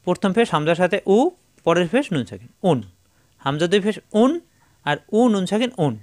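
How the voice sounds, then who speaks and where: A male Quran teacher giving a patient step-by-step recitation lesson, slowly repeating each syllable for his learners. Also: high-pitched, expressive, darkish tone, no echo.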